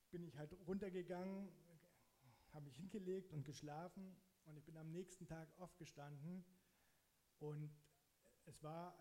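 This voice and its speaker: Dark-voiced man from eastern Saxony. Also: fairly high pitch. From eastern Saxony, Germany. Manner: plain-spoken, conversational, slangy. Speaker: guest sharing a conversion testimony. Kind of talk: candid personal storytelling.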